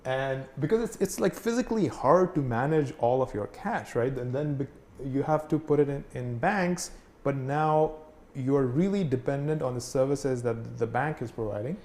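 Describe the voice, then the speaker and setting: A man's voice: mid-range voice, expressive, moderate pace, darkish tone. A man from Pakistan explaining things in a casual conversational way, full of fillers and "right?" checks. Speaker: instructor. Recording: echoey room, faint noise.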